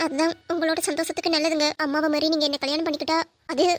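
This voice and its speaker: A woman's voice: high voice, level tone, racing, close to an everyday voice. A woman voicing a meek, devoted young wife in a cartoon, pleading and apologetic. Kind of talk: cartoon voice acting.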